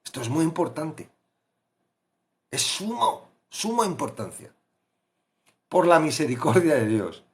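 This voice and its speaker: A man with a Peninsular Spanish accent teaching a Bible study, talking conversationally and asking rhetorical questions. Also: fairly high pitch. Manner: conversational, asks rhetorical questions, acts out pleading voices.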